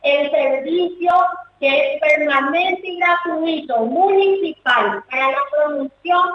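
A high-pitched woman delivers a formal, emphatic ceremonial speech. She sounds distant from the microphone, her voice washing through a large echoing theater. The recording is muffled and dull. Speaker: vice minister giving a speech. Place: theater auditorium. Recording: echoey hall, far from mic, dull.

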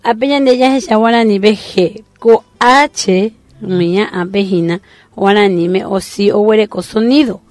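A woman's voice: medium pitch, a little mellow, dry recording. A woman teacher giving a language lesson, reciting the alphabet letter by letter and stressing each one.

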